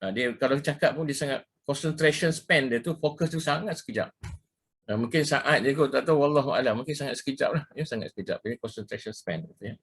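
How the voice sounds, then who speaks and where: A man's voice: medium pitch, fast talker, a bit bright, a little hiss or hum. A middle-aged man with a Malaysian Malay accent giving an informal lecture with slides, repeating himself and dropping in English words. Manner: casual, repetitive, mixes in English words, frequent "ya" and "ha". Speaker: ruqyah practitioner giving a talk.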